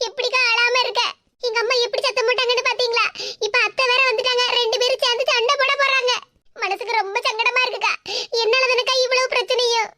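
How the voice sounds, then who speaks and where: A woman's voice: very high voice, little pitch movement, very fast, sharp tone, slight background noise. A woman doing a crying young cartoon bride. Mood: tearful. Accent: Tirunelveli Tamil. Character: tearful young bride, upset and apologetic.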